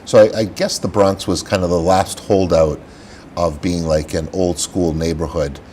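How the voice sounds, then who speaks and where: Local TV host, man, deep voice, friendly interviewer tone. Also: fairly even intonation, moderate pace, darkish tone, slight background noise. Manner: friendly, scripted welcome then chatty questions. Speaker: host of a local business show.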